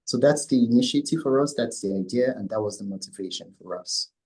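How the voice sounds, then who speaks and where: A man, founder of a consulting firm, answering interview questions with many pauses, fillers and restarts. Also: medium pitch, a little mellow, slightly rough, poor audio. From Nigeria. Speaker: company founder and CEO, guest.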